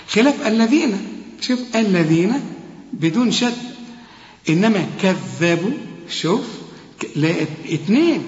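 High-voiced Egyptian man coaching recitation. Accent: Egyptian Arabic. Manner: coaching, demonstrates words slowly and repeats them. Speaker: Quran recitation teacher. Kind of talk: tajweed lesson, one-on-one drilling. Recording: echoey hall, dull lo-fi sound.

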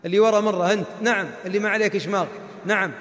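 A man's voice: sits high, steady tone, rapid-fire, a bit bright. A man preaching to young students, chanting verses melodically and quizzing the audience. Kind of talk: sermon with quiz for students. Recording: long hall reverb.

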